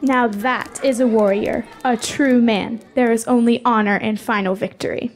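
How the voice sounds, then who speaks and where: In a fantasy radio drama, a woman plays a fierce young warrior with a slightly high voice that stays steady, near everyday, at a moderate pace. Proud, defiant and dismissive, she speaks in bold, blunt declarations.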